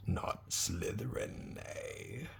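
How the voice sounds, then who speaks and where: A man voicing an old, wise talking hat, in a slow, breathy whisper that muses over each word. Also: fairly low pitch, heavily acted. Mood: coaxing. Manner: slow, musing, drawn out. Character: ancient magical talking hat, male, wise, probing.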